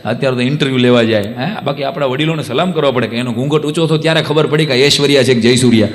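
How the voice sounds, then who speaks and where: A man's voice: medium pitch, racing, slight background noise. A man, a stand-up comedian telling jokes like a chatty storyteller at a live show. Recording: live stage show, audience laughter, roomy. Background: audience laughing.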